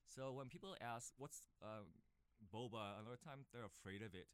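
Smooth-voiced man. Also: mid-range voice, moderate pace, no room sound. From Vietnam. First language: Vietnamese. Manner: plain, hesitant, simple phrasing. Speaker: guest, shop co-owner. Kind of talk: casual interview.

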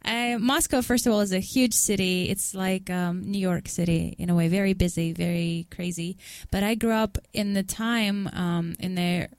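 A woman's voice: medium pitch, fairly even intonation, normal speed, darkish tone, no room sound. A middle-aged woman from Russia, a guest singer, casually telling stories with fillers in a radio studio interview. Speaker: guest musician.

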